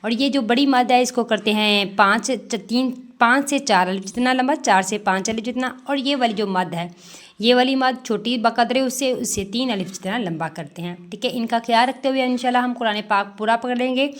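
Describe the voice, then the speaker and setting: Woman teaching Quran recitation, slightly high. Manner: slow drawn-out recitation of verses between explanations; asks and answers her own questions. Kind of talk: step-by-step tajweed lesson, explaining and reciting.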